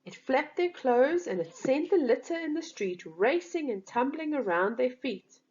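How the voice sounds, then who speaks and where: Here a woman with a high-pitched voice reads a children's story to young listeners, expressive and deliberate. Her recording comes across a little dull.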